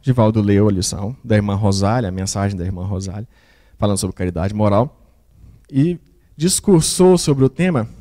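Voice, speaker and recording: A man giving a spiritual lecture, telling a story in an earnest, measured way. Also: medium pitch, warm tone.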